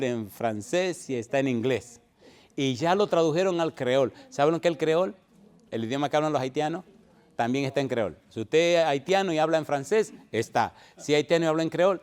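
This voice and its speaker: A middle-aged man preaching a sermon in an ordinary mid-pitched voice. He keeps asking the congregation the same questions over and over. At times he swells into loud, high, emphatic stretches. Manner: repeated rhetorical questions to congregation. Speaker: pastor.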